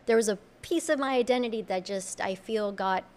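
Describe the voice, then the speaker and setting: A woman's voice: mid-range voice, darkish tone. Reflective woman, Spanish native speaker. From Colombia. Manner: reflective, earnest, speaks in halting restarts. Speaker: podcast guest. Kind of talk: casual conversational interview.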